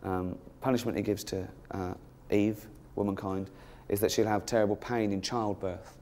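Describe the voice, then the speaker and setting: A man's voice: fairly low pitch, fairly even intonation, normal speed, darkish tone, slight background noise. A man performing stand-up comedy in a mocking, irreverent, sweary way. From half French, half English.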